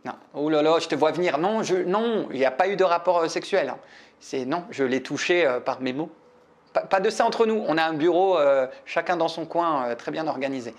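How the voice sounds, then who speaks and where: A public speaking coach with a fairly high voice talks to camera at normal speed in a casual teaching monologue. He's chatty and animated, addressing the listener directly, with plenty of fillers and restarts.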